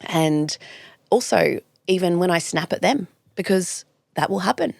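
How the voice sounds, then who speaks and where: Low gravelly aussie woman, thirties, earnest podcast guest, dry close sound. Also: lively intonation, unhurried, a little mellow, dry recording. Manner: earnest, reflective, frequent restarts. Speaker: guest, clinical nutritionist. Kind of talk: podcast interview.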